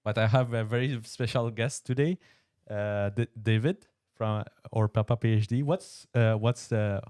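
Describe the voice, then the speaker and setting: Low-voiced man hosting a podcast. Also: steady tone, a little mellow, clean tone, no room sound, clean studio sound. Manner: friendly, halting, with fillers. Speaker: podcast host. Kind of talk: casual interview chat. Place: podcast studio.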